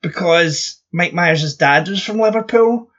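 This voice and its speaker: A Scottish man co-hosting a podcast in casual chat, blunt and animated, swearing freely as he rants. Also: sits high, a little slow, highs cut off. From Scotland. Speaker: podcast co-host.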